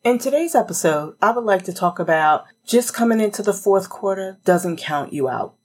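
A woman's voice: medium pitch, animated, normal speed, a little mellow, husky. A middle-aged woman hosting a solo motivational podcast, chatty and emphatic, talking straight to the listener. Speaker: podcast host.

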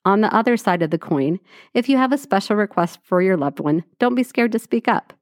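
A woman's voice: medium pitch, animated, a little fast, dry recording. A woman co-hosting a podcast, reading a blog aloud to her co-hosts in a dry, wry way, sometimes correcting herself. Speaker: podcast co-host.

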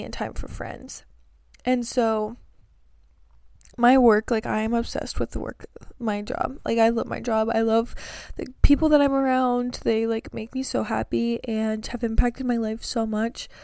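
A woman's voice: on the high side, gravelly, darkish tone, clean tone, no echo, studio quality. A young woman chatting to camera about her life, earnest and sleepy, with many fillers. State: sleepy, yawning. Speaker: vlogger giving breakup advice. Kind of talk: casual chat to camera.

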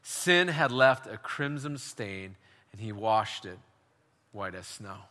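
A man's voice: lowish voice, animated, slow, bright, forceful tone, long reverb tail. A man preaching a sermon as pastor, emphatic and leading his listeners in call and response.

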